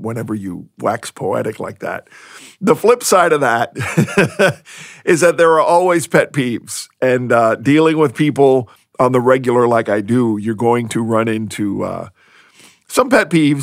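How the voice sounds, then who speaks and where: A man's voice: mid-range voice, no room sound, studio quality. A man hosting a food podcast, chatting casually and with amusement, rambling through restarts and asides. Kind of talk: casual solo podcast monologue.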